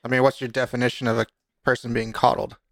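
A young adult man with a creaky, mid-pitched voice that stays quite flat. He talks casually, and the sound is dry and close. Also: fast talker, dry recording. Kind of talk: casual chat.

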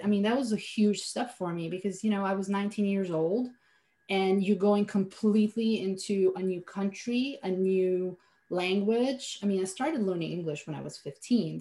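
Medium in pitch and slightly mellow, the voice belongs to an earnest woman from Slovenia who speaks Slovenian natively. As a guest running a finance business, she responds to podcast interview questions reflectively and often starts her sentences over.

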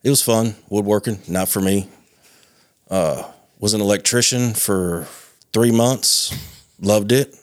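A man in his thirties talking casually as a podcast guest, relaxed and swearing freely. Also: on the low side, takes it slowly, no room sound, studio quality. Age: 30s. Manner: laid-back, swears casually.

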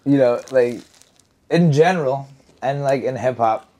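A man with a voice of ordinary pitch talks easily as he co-hosts a casual food chat. He jokes around and swears freely, keeping it relaxed. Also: measured pace. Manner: laid-back, joking, swears freely. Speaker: co-host.

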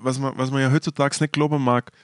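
A man's voice: medium pitch, flat delivery, fast, no echo, clean studio sound. A young man chatting casually, teasing his co-host and laughing often. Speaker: podcast co-host. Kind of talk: casual chat.

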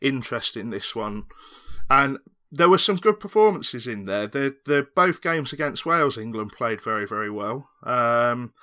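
Guy on a football podcast, bright sharp voice, rambling along with lots of opinions. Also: medium pitch, animated, normal speed. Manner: rambling, enthusiastic analysis. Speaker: podcast panelist. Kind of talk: casual chat.

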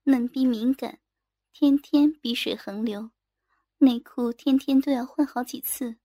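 A woman's voice: sits high, a little slow, mellow, no echo, clean studio sound. A woman narrating a first-person adult audio story in an intimate manner, speaking directly to the listener.

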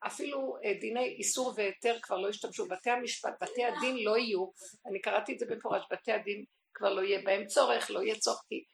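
A woman giving an impassioned religious teaching, swinging from hushed, intimate tones to crying out. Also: medium pitch, fairly even intonation, gravelly. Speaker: spiritual teacher. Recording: echoey room recording.

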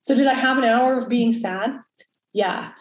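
A woman's voice: a little high, normal speed, roomy sound, rough recording. A woman in her early forties, a coach, talking frankly and reflectively in casual chat, cursing now and then. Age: 40s.

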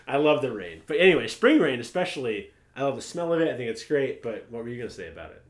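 Animated laughing man in casual chat. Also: mid-range voice, quick pace. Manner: animated, laughs often, swears freely. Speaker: podcast co-host. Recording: roomy echo.

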